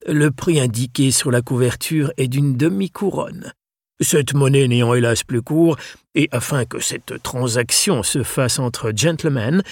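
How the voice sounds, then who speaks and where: Guy doing a posh old english bookseller, high and husky, talks all formal and careful. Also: dry recording, clean studio sound. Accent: English speaking French. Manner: formal, genteel, measured. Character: elderly courteous English bookseller man.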